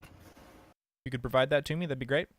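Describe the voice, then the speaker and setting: A man in his thirties co-hosting a podcast, talking in a relaxed, meandering way. His humor is dry and wry, and his voice sits at an ordinary middle pitch. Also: fast talker. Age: 30s. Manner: laid-back, rambling, wry. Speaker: podcast co-host. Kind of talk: casual chat.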